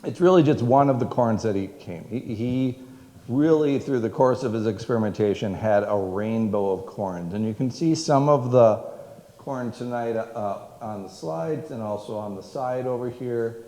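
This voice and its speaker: His voice is mid-range and mellow, at a normal speed. The man, a museum director, delivers a rambling public history talk full of fillers and restarts to an audience in the museum's event room, where a long reverb echoes through the hall.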